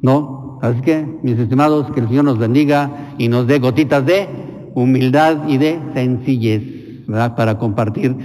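A Mexican priest preaching an informal homily, colloquial, earthy and blunt, with slang. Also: male voice, mid-range voice, normal speed, warm tone, big-room sound, poor audio. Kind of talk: informal homily and prayers at Mass. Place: chapel.

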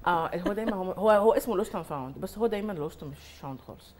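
Fast-talking Egyptian woman, comic and animated. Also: mid-range voice, slight background noise. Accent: Egyptian Arabic. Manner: animated storyteller, mimics other mothers, laughs often. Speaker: guest influencer and mother. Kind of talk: comic casual chat.

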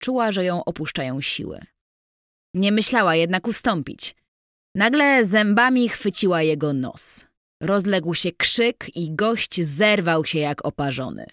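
A woman narrating an audiobook in a measured, even storytelling manner. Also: lowish voice, no room sound, clean studio sound.

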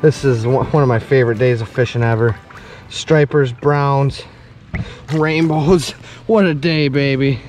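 A young man hosting a fishing vlog from a small boat outdoors, talking excitedly to viewers. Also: mid-range voice, a little slow, soft background music. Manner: excitable, shouts and laughs when a fish bites. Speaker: fishing channel host. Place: small boat on a river below a dam, outdoors.

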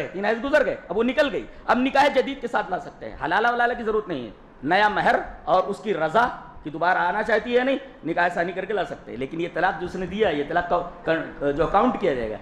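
Male Islamic scholar, fairly high and very animated voice, emphatic lecturing style, roomy echo. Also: a little hiss or hum. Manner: emphatic, asks and answers his own questions. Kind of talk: religious lecture on family law.

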